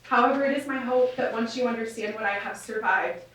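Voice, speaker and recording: A nervous woman reads a formal victim statement in a courtroom, her voice slightly high. The courtroom recording is heavily echoey, with the mic distant and a faint hiss underneath. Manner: measured and formal, with soft fillers. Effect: courtroom audio recording. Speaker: victim giving an impact statement. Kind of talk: reading a prepared statement aloud.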